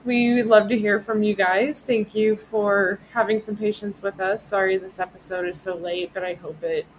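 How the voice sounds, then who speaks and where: A woman's voice: mid-range voice, steady tone, normal speed, slight background noise, rough recording. A woman hosting a casual true-crime podcast, chatty and loose, often breaking into giggles. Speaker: podcast host.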